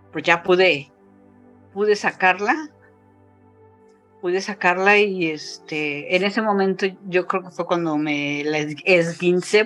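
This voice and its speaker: A woman's voice: fairly low pitch, fairly bright tone. A woman in her fifties with a Mexican accent, a guest telling an emotional personal story in a casual interview, her voice rising when she quotes others. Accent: Mexican Spanish. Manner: emotional retelling, voice rising when quoting others, frequent fillers.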